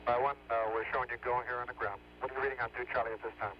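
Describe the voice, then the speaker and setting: A man's voice: mid-range voice, level tone, racing. A man speaking in clipped procedural radio talk over a space-to-ground radio transmission, as an astronaut or flight controller. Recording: muffled noisy 1960s radio link.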